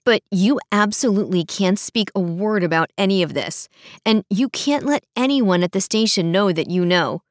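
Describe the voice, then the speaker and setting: A woman voicing a calm, measured male police officer in an audiobook. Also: mid-range voice, no room sound, clean studio sound, lightly acted.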